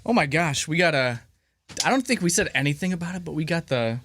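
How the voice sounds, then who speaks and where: A man's voice: fairly high pitch, animated, fast talker, fairly bright tone. A man co-hosting a casual live stream, friendly and a bit scattered. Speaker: podcast co-host. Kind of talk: casual chat.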